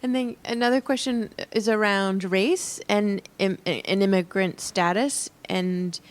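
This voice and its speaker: A woman's voice: medium pitch, fairly even intonation, measured pace. A woman moderating a panel discussion, asking long, thoughtful questions with fillers.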